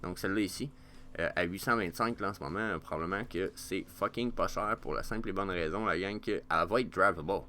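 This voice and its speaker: Casting: lowish-voiced Quebec French guy, excitable vlogger, cusses and stumbles through fillers. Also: brisk, slight background noise. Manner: excitable, swears freely, many fillers. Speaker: NFT market vlogger. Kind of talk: casual market commentary.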